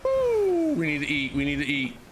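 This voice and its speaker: Heavy background noise surrounds a man in his thirties streaming a game on a headset mic, his fairly high voice swinging hugely in pitch at a moderate pace. He chats casually with repeated phrases and swearing, coughing repeatedly and remarking that he's losing his voice.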